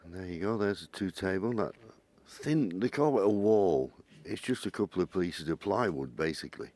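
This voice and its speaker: A man's voice: low voice, lively intonation, normal speed, a little mellow. A man giving conversational snooker commentary, with chatty explanatory asides as a co-commentator.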